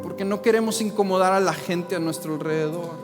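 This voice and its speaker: A pastor with a notably high voice delivers an impassioned sermon, firing rhetorical questions at his congregation. His voice rings through a large, reverberant church hall, with soft music faintly underneath. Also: fairly quick. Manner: impassioned, rising to shouts when pleading.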